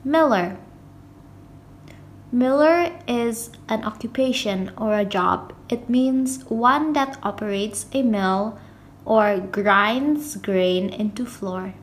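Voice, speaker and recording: A woman's voice: a little high, slow pace, slight background noise. A woman hosting a children's podcast, carefully reading a storybook and explaining words aloud.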